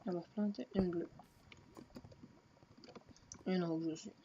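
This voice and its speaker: Casual gamer woman, slow offhand running commentary, dull lo-fi home mic. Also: fairly low pitch, fairly even intonation, mellow, slight background noise. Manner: muttering to herself, unhurried and offhand. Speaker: let's play gamer.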